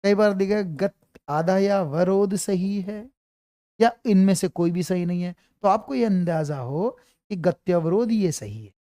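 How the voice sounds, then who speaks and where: A man's voice: high voice, a little slow, mellow, no echo, clean studio sound. A man teaching a grammar class to students, repeating points, often checking that they follow and calling them "beta" to reassure them. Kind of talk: online class lecture.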